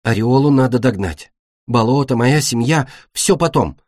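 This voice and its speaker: A man's voice: mid-range voice, normal speed, darkish tone, no room sound, studio quality, lightly acted. A man voicing a loyal, good-natured young male earth dragon who talks indignantly.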